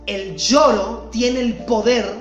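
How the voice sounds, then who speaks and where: A man preaching a sermon with passion, swinging from loud cries to hushed tones. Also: extremely high pitch, fairly even intonation, slow, roomy sound, lo-fi sound, faint music behind.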